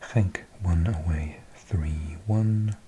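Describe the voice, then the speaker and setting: With a deep voice, a Welsh man in his forties from Wales whispers softly as an ASMR host while slowly going over a list of results. He adds chatty asides, and faint music plays behind him.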